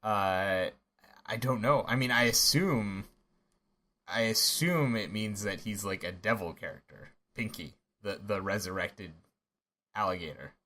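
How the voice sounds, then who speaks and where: A man co-hosting a podcast in casual chat, talking haltingly with many restarts and laughs. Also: lowish voice, sharp tone. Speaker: podcast co-host.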